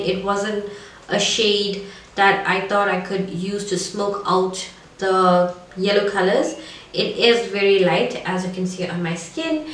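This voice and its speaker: Congested and scratchy with a cold, this woman's medium-pitched voice has a slightly bright quality. She is a beauty vlogger casually rambling through a makeup review, and the audio comes from an echoey room, far from the mic, with some faint noise.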